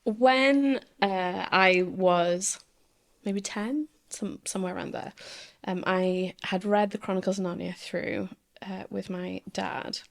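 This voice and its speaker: Creaky-voiced woman. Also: medium pitch, steady tone, slow pace. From Swansea, Wales. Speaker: podcast guest. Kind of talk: casual interview chat.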